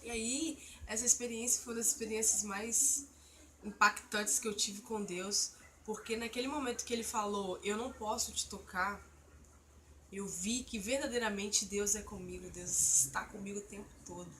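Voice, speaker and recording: A woman's voice: medium pitch, steady tone, moderate pace, a bit bright, a little hiss or hum. A woman earnestly telling a personal religious testimony, recounting a frightening experience in an emotional storytelling manner. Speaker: testimony speaker.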